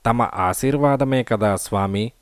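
Young male hero, calm, defiant, steady-voiced, read by a male narrator. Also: medium pitch, measured pace, smooth, no echo, clean studio sound, natural voice. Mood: humble.

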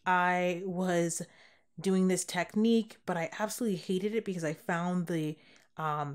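A young adult woman giving a relaxed, step-by-step voice-over for a DIY home decor tutorial. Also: on the low side.

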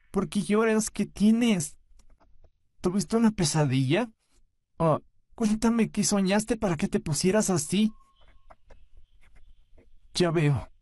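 A performer voicing a soft, slow puppet friend. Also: medium pitch, no room sound, studio quality. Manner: slow, soothing. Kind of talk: fan dub of puppet show.

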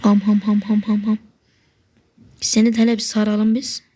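A woman's voice: mid-range voice, normal speed. A woman giving live gameplay commentary, swearing at opponents and getting worked up, sometimes dropping to a whisper. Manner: excitable, swears a lot, talks to opponents; drops to a whisper at times. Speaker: gamer.

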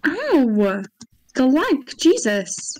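Slow-talking woman, relaxed gamer. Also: high-pitched, rough recording. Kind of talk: casual gaming chat.

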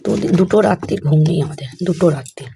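A hoarse housewife, thinking aloud while she cooks in her home kitchen for a casual vlog. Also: lowish voice, very fast. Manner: talks to herself while cooking, thinking aloud. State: hoarse, voice gone. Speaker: village housewife vlogger. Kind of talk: casual cooking vlog chat. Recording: noisy home recording.

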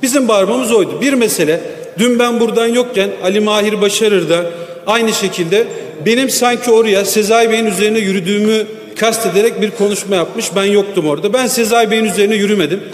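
At the rostrum of a large parliamentary chamber, a male member of parliament with a voice that sits high talks a little fast into a lectern microphone. His floor speech is a defensive, point-by-point rebuttal of accusations, with long reverb echoing through the hall.

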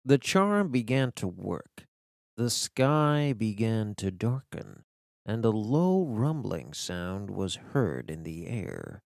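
A man's voice: fairly low pitch, gravelly, no room sound, clean studio sound. A man reading a children's fantasy story aloud as an audiobook narrator. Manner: slow, animated storytelling. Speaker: audiobook reader.

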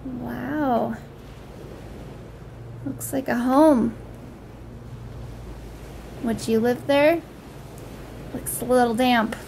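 A young adult woman reads a picture book extremely slowly, pausing often, her voice on the high side, gravelly and darkish with fairly even intonation. She describes the pictures and asks simple, wondering questions as though to small children. The rough home recording, made in a small indoor room, has noticeable background noise.

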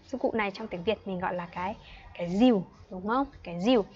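A woman in her twenties with a Northern Vietnamese accent, teaching an online English class for young children, patient and playful, repeating words slowly. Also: medium pitch, a little mellow, highs cut off. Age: 20s. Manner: chatty and playful, laughs often.

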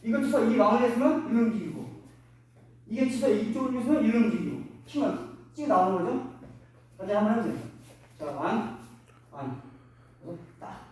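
Middle-aged guy coaching boxing, short barked cues, high lively voice, super echoey gym picked up from far off. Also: a little fast, long pauses. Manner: short punchy commands, shouts punch sounds. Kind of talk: hands-on boxing instruction. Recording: echoey gym, mic from afar.

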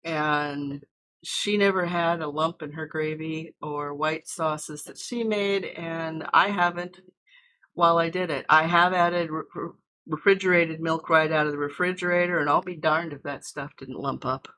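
A woman's voice: low-pitched, fairly even intonation, measured pace, sharp tone. An American woman hosting a casual cooking livestream from her home kitchen, chatting and explaining each step as she cooks. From United States. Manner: chatty, explains steps while cooking and answers chat. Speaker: cooking stream host.

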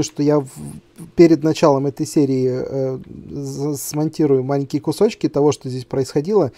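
A man's voice: fairly high pitch, warm tone, no room sound. A young man hosting a let's play, chatting casually and ranting with self-mocking frustration about a hard boss fight. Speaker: gaming video host.

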